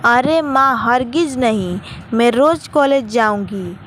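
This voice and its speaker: A woman's voice: a little high, slow pace, fairly bright tone. A woman voicing a spoiled, scheming young sister-in-law who talks in a dismissive, stubborn way. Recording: noisy with traffic outside.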